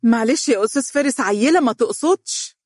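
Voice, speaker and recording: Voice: mid-range voice, quick pace, no echo, studio quality, voice pushed up, close to an everyday voice. A narrator voicing a shy, apologetic middle-aged neighbor woman with an Egyptian accent.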